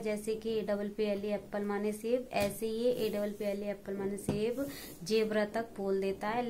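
A woman's voice: a little high, darkish tone, slight background noise. A young woman narrating a casual home vlog at night, chatty and matter-of-fact, as she tutors her son. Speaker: vlogger and mother.

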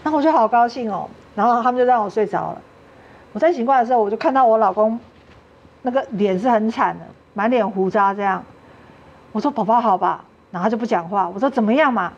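Taiwanese lady on a talk show, earnest storytelling, kinda high voice, dull lo-fi sound with faint hiss. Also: quick pace, husky. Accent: Taiwanese Mandarin. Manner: earnest, acts out quoted dialogue. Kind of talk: emotional personal storytelling.

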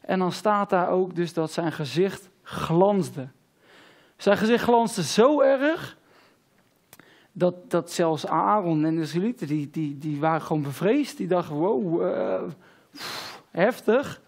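High-voiced man giving a casual sermon. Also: expressive. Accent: Dutch. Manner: casual, halting, many fillers and repeated words. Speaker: preacher. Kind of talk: informal sermon on a Bible passage.

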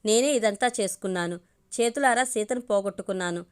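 A woman's voice: mid-range voice, brisk, clean tone, natural voice. A woman reading as a young man in love. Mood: earnest. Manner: earnest, pleading. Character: young man in love, hesitant then eager.

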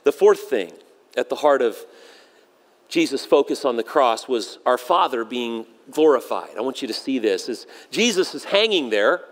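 A man, a pastor, preaching a sermon with emphatic delivery that sinks low and quiet for solemn moments. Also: lively intonation, moderate pace, big-room sound. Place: church sanctuary.

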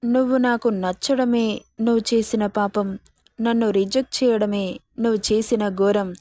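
A cruel, domineering young rich man, read by a woman, speaks in a threatening, possessive way. His voice sits at a middle pitch and sounds close and dry. He is a storybook villain who gives orders. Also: fairly even intonation, a little slow, mellow, dry recording, close to an everyday voice. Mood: menacing.

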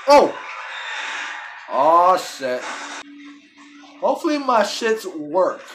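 A man giving live gameplay commentary, excitable, swearing a lot and yelling at the game. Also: sits high, drawn-out words, low-quality recording. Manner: loud, laughing outbursts. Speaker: gaming channel host. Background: faint game music and sounds.

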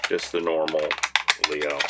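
A man who vlogs about collecting toys, chatting casually as he unboxes, swinging between excited highs and low muttered asides. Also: unhurried, loud music behind the voice. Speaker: toy collector vlogger.

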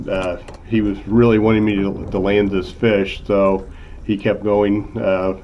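A man in his sixties, a channel host and accountant, casually narrates his fishing trip in an easygoing way, saying "uh" often. His voice is fairly low and a little mellow, with slight background noise. He speaks in a car, then switches to voice-over.

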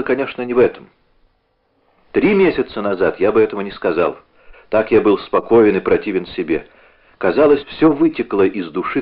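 A man voicing a tormented young man bent on revenge, confessing in halting, intense bursts. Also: mid-range voice, husky. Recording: narrow phone-like audio.

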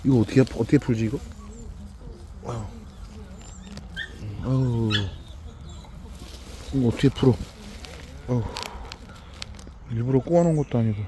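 A man talking gently to two shy country dogs outdoors as he feeds them, with coaxing baby talk and many repeated words. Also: medium pitch, unhurried, pauses often, background noise. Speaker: vlogger feeding rural dogs. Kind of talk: casual talk to dogs and camera.

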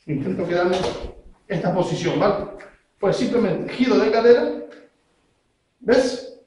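A man's voice: high voice, lively intonation, unhurried, a little mellow. A man, a self-defense instructor demonstrating techniques step by step and checking in constantly with his learner. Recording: very echoey room.

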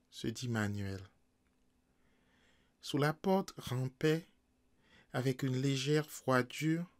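A man reads literary prose aloud for an audiobook. His pace is unhurried and deliberate, at an ordinary middle pitch. The reading stays measured and careful throughout. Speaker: audiobook reader.

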